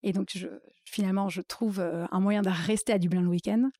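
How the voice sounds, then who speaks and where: A woman's voice: medium pitch, fairly even intonation, a little fast, warm tone, no room sound, studio quality. A woman guest in a casual interview, telling her career story with many fillers and acting out her own inner thoughts.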